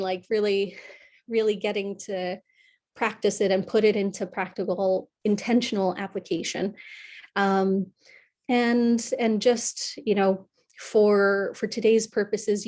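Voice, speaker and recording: A young woman from California, a psychotherapist presenting an online workshop in an earnest, warm way, with many fillers and restarts. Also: medium pitch. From California, USA. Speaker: psychotherapist leading a wellness workshop. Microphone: video call.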